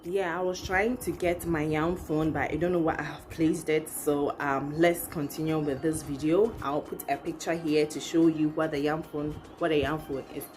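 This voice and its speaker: A young woman with a Ghanaian accent, hosting her channel from a living room with music in the background, chats casually and expressively to camera. Her deep, darkish voice stays steady at normal speed, with hardly any pauses.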